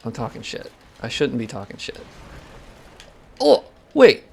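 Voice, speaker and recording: Gravelly-voiced man streaming a game. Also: mid-range voice, brisk, a little hiss or hum. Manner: casual and profane, chatting with viewers while playing; technical explaining between bursts of reaction. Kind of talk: casual live-stream gameplay commentary.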